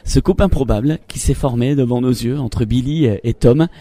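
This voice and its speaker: A man's voice: medium pitch, fairly quick, dark tone. A man hosting a chatty broadcast interview in an effusive, complimentary manner. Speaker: interview host.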